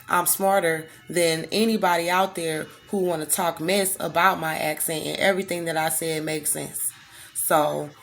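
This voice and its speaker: Woman vlogger, low voice, angry and emphatic, strained throat, faint noise behind. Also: fairly bright tone. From United States. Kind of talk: direct-to-camera monologue.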